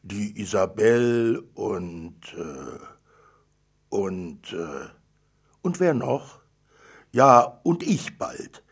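A man's voice: fairly low pitch, sing-song, very slow, pauses often, slightly rough, full character voice. A man voicing a stubborn little girl who pleads and whines to get her way. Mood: pleading. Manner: wheedling and whiny.

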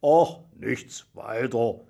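A man's voice: mid-range voice, animated, extremely slow, creaky, mellow, full character voice. A man voicing a boastful, bloated male badger with a smug drawl in a children's story.

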